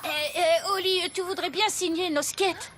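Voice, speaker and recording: A woman's voice: very high voice, fairly even intonation, moderate pace, noisy background. A woman voicing a nerdy, wary schoolboy sidekick in a French cartoon, bookish and anxious. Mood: eager. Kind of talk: French animated series dialogue.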